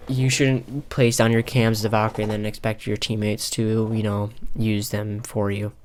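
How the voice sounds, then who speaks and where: A young man calmly talking over a replay of his own ranked match, pausing often with filler ums. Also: on the low side, a little hiss or hum. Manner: halting, many filler ums, calm and analytical. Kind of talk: casual gameplay commentary. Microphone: console headset mic.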